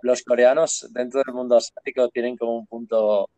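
A man from hosting a casual chat, relaxed and anecdotal, often repeating himself. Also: medium pitch, brisk.

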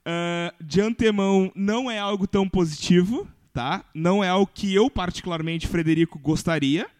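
A young man from hosting a podcast, telling stories in a relaxed, slangy way. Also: sits high, moderate pace. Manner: relaxed, storytelling, informal slang. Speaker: podcast host. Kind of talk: casual podcast chat.

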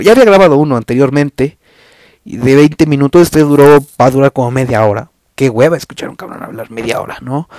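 A man's voice: medium pitch, a little mellow, no room sound. A young man with a Mexican accent hosting a podcast, rambling casually with crude slang. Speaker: podcast host.

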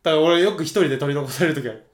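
A man's voice: on the high side, racing. A young man with a Kansai Japanese accent, chatting casually as a podcast co-host in a laid-back, trailing-off way with frequent chuckles. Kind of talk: casual chat. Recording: echoey room.

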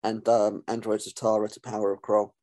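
A man as a guest on a casual podcast, chatty and quick to correct, swearing freely. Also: lowish voice, monotone, dark tone.

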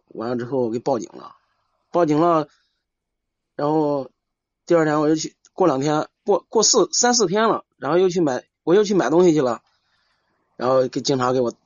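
A man calling in for advice, chatting casually in a hesitant, halting way and repeating himself. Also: medium pitch, dry recording. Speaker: caller seeking advice. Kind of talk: casual chat. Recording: dull lo-fi live call.

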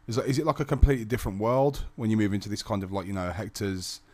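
Low-voiced man hosting a casual chat. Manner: relaxed, teasing, quick to laugh. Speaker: interviewer, podcast host.

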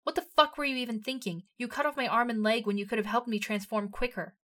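A woman voicing a furious, hot-headed young male soldier who shouts and curses in a read-aloud story. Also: medium pitch, unhurried, natural voice. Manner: shouting and cursing.

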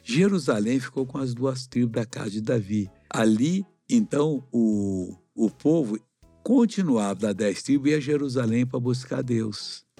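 A man's voice: mid-range voice, lively intonation, measured pace, warm tone, slightly rough, dry recording, faint music behind. A middle-aged man with a Brazilian accent teaching a children's Bible lesson like an uncle, explaining and asking simple questions. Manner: avuncular, didactic, asks questions. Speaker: missionary Bible teacher, host.

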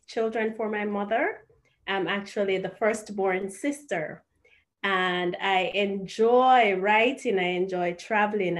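A woman from Jamaica, a guest author answering interview questions in a thoughtful, measured way. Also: medium pitch.

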